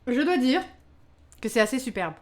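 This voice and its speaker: A woman's voice: sits high, sing-song, moderate pace. A woman hosting a live baking stream, chatting casually with her viewers, exclaiming over her work and laughing often. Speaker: live-stream cooking host.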